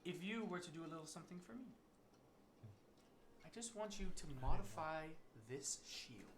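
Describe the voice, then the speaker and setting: A player voicing a small gnome druid who quietly bargains in a tabletop game. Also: medium pitch, expressive, normal speed, noisy background, close to an everyday voice. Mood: hushed bargaining. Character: small gnome druid, cagey and wheeling-dealing.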